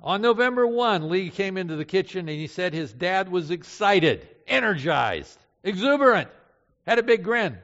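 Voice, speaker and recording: Older male preacher, storytelling sermon, punchy emphasis then hushed asides; a touch high, echoing hall. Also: sing-song, normal speed. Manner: storytelling, swings between loud emphasis and hushed low lines. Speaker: pastor. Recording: dull sound in a reverberant hall.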